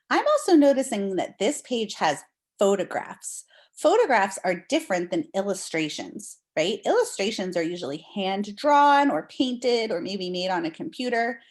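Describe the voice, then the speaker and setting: A woman teacher with a medium-pitched voice leads young children through a read-aloud lesson. She explains things simply and reads with deliberate expression.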